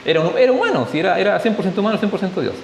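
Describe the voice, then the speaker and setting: A man's voice: high voice, lively intonation, rapid-fire, gravelly. A man with a Chilean accent giving a conversational church Bible study, often checking in with his listeners and slipping in jokes. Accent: Chilean Spanish. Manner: conversational, often adds tag questions, jokes. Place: church hall. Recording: echoey hall, faint hiss.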